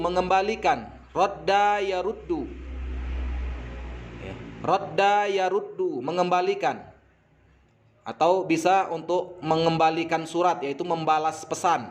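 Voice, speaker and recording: A man with an Indonesian accent teaching vocabulary, saying each word and its meaning and repeating them slowly. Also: high voice. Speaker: Arabic teacher. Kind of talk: vocabulary lesson.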